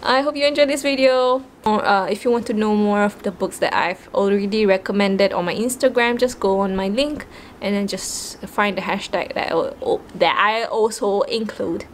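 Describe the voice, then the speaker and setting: A young woman with a Malaysian English accent chats casually about books at a moderate pace, slipping Malay words into her English. She's a book vlogger with a mid-range voice, and there's a little hiss or hum on the recording.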